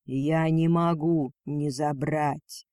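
Narrator doing a domineering dragon lord, slow contemptuous lines, dry sound. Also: male voice, a little high, fairly even intonation, darkish tone, dry recording. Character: cold cruel male dragon lord, domineering.

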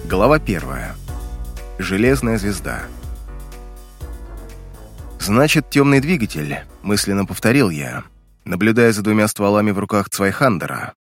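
A man's voice: fairly low pitch, big pitch swings, moderate pace, soft background music. A man narrating a first-person audiobook in a wry, colloquial manner.

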